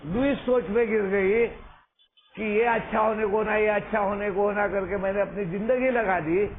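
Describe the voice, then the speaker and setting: A man tells a recovery story in an earnest, unhurried way over a phone call, often checking that the listener is following. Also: high voice, fairly even intonation. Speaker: recovery sponsor sharing. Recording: tinny phone line with faint hiss.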